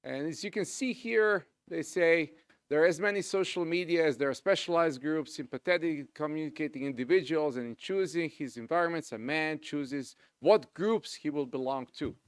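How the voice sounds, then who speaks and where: Male conference speaker, middle-aged, Serbian accent, informal and halting delivery, close dry sound. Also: on the high side, smooth, no room sound. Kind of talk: live academic presentation.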